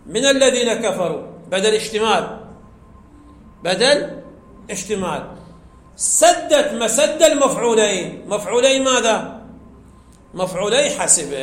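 High-voiced man teaching grammar slowly. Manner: slow, deliberate, repeats key words and quotes verses in a chant. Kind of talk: classroom lesson on grammar. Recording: echoey room with faint background hum.

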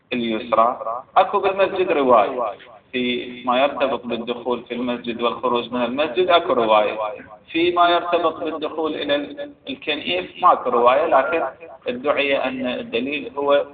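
A man's voice: medium pitch, expressive, fairly quick. A man with an Iraqi accent giving a seminary lecture, reading passages aloud and explaining them with frequent hesitations. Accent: Iraqi Arabic. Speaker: religious studies teacher. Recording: phone-like echoey recording with crowd.

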